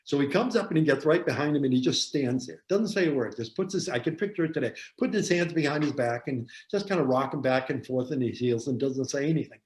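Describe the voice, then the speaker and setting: A man giving a seminar talk, telling a story in an animated way and repeating phrases for emphasis. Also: mid-range voice, fast, few pauses. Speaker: seminar presenter on parenting. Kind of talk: storytelling lecture. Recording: roomy echo.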